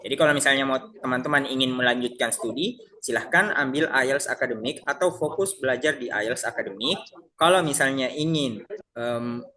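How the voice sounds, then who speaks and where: A man teaching IELTS speaks in a bright, forceful mid-range voice during a casual online lecture. He chats with listeners as if they were friends, often cutting himself off to restart.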